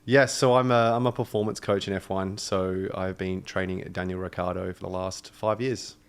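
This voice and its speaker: An Australian man in his thirties, a podcast guest chatting casually, relaxed and jokey. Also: low-pitched, normal speed, clear, resonant tone. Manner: relaxed, jokey, laughs often.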